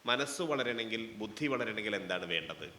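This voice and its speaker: A man's voice: on the low side, animated, brisk, pushed and bright. A man with a Malabar Malayalam accent giving a playful, interactive speech to students at a college fest, asking the audience questions and making jokes. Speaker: guest speaker inaugurating a college fest. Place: hall with an audience. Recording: roomy hall with faint background noise.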